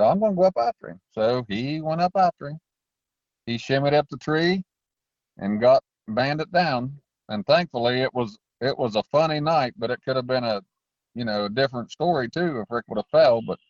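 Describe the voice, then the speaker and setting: A man's voice: mid-range voice, darkish tone, dry recording. Muffled lo-fi audio, dry sound, man, folksy rambling hunter swapping stories. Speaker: interview guest, raccoon hunter. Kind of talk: casual storytelling.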